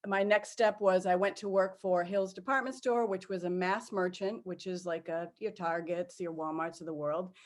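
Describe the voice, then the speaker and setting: A woman's voice: fairly low pitch, steady tone, moderate pace, hardly any pauses. Middle-aged woman with a Boston-area accent. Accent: Boston-area New England. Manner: self-deprecating, informal. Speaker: interview guest, sales executive. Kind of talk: casual spoken career introduction.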